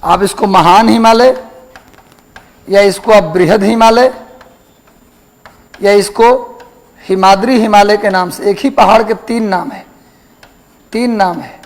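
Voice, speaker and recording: A man's voice: high voice, steady tone, takes it slowly, pauses often, rough recording. A man teaching a geography class, repeating terms and quizzing his students. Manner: repetitive, asks students questions. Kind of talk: classroom lecture.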